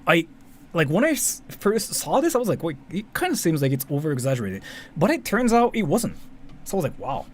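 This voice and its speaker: A Japanese streamer on the higher side, brisk and with huge pitch swings, hosts casual live commentary in his Japanese accent. He tends to ramble, repeat and interrupt himself, swearing casually, and faint background noise runs under the recording.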